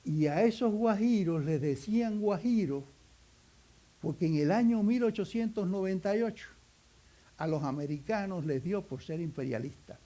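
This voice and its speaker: A man's voice: sits high, animated, normal speed, warm tone. A Cuban man preaching a sermon, telling stories in a folksy way with humorous asides. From Cuba.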